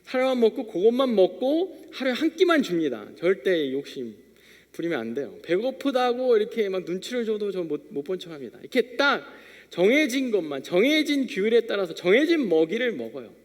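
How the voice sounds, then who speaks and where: Man, young adult, youth pastor, conversational sermon, acts out dialogues, high voice, long church-hall reverb. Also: big pitch swings, a little fast. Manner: conversational storytelling preacher, acting out little dialogues. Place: church sanctuary.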